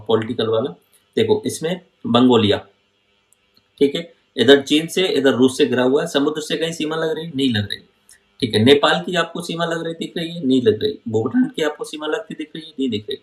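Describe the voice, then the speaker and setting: A man's voice: mid-range voice, lively intonation, normal speed. Man teaching geography from a map, echoey room. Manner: asks and answers his own questions, pointing at a map. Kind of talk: map-based lecture.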